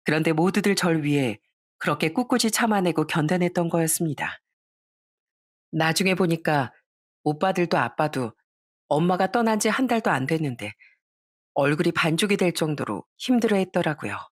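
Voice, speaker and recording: A woman calmly narrating a first-person family story in a reflective tone. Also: low voice, normal speed, dry recording, studio quality.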